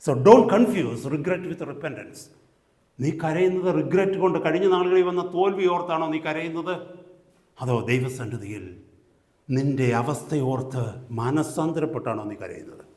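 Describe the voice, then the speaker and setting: High-voiced preaching pastor, man, echoey hall. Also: lively intonation. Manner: swings from quiet talk to loud rising exhortation; mixes slow English phrases into the preaching. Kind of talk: sermon.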